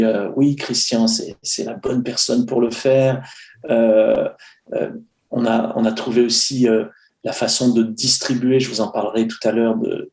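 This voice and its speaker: Gravelly-voiced French man, hesitant. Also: medium pitch, darkish tone. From France. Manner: hesitant, many fillers and restarts. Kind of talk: casual conversational sharing. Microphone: video call.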